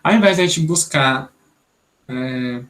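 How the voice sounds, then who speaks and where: A young Brazilian man teaches an online programming class, reasoning aloud one step at a time and often checking in with "né?". His mid-range voice is fairly bright and unhurried, and his manner is explanatory.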